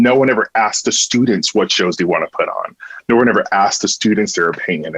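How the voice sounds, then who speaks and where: A man's voice: on the low side, no room sound, low-quality recording. A man who works as a theatre director, talking earnestly in a casual conversation and often restarting and repeating words.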